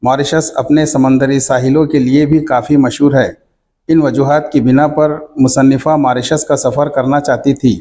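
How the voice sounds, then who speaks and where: A male teacher reading out textbook questions and their answers in a slow, measured dictation manner. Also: mid-range voice, steady tone, warm tone.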